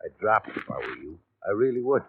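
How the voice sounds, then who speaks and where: A worldly hotel house detective talks in a chatty, confiding way, and his pitch rises and falls a lot. The voice is thin and tinny from an old AM radio broadcast, with a faint hiss underneath. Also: sing-song, fast talker, gravelly. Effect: old AM radio broadcast sound. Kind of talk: 1950s radio drama acting.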